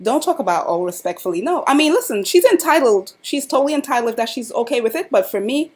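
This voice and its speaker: A woman's voice: high-pitched, animated, quick pace, darkish tone, breathy edge. A woman co-hosting a live chat show who gives her opinion bluntly, hammering her points with repetition. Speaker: podcast co-host.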